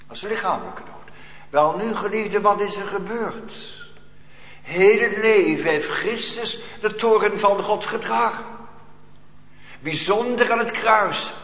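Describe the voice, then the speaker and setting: Man, pastor, solemn sermon, slow measured delivery, dull lo-fi recording in a reverberant church. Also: high voice, a bit bright. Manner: solemn preaching with rhetorical questions and long pauses. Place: church hall. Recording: echoey church hall, dull lo-fi.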